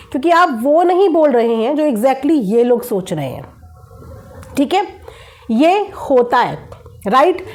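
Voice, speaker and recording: A woman hosting a reaction channel, talking straight to camera in a casual, insistent way and repeating her points. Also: high voice. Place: indoors at night.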